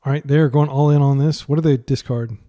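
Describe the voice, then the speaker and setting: Playing a card game, this young male commentator thinks out loud in a relaxed, chatty manner full of fillers. He has a warm, medium-pitched voice, fairly even in intonation, and talks fairly quickly.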